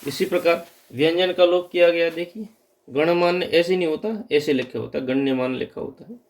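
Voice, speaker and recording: A man's voice: a little high, normal speed. Man teaching grammar, repeating forms. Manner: explains patiently, repeating correct and wrong forms. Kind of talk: exam-prep grammar lesson.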